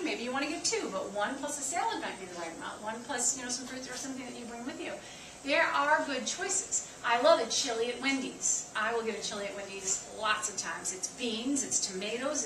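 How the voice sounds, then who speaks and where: A woman dietitian giving a lively nutrition talk to staff, counting aloud and quizzing her listeners. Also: a little high. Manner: chatty, counts aloud and asks the audience questions. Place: staff meeting room. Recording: echoey room, from far off, noisy.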